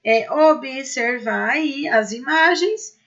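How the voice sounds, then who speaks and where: A high, bright-voiced Brazilian woman explains Spanish grammar at an unhurried pace, checking that her students follow along. She reads each example word slowly and carefully. The recording sounds a little dull and lo-fi. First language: Portuguese. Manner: explains patiently, checks in with "certo?" and "né?". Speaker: Spanish teacher. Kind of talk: recorded online class explanation.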